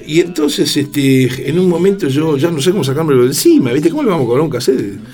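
A man with a Rioplatense Spanish accent, a record producer telling lively anecdotes in an interview and acting out the voices of the people he quotes. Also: fairly high pitch, fast talker, faint music behind. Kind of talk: storytelling interview.

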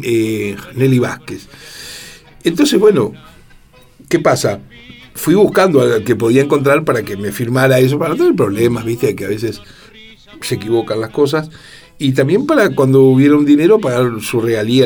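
A man with a Rioplatense Spanish accent, a record producer telling lively anecdotes in an interview and acting out the voices of the people he quotes. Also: medium pitch, normal speed, soft background music. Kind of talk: storytelling interview.

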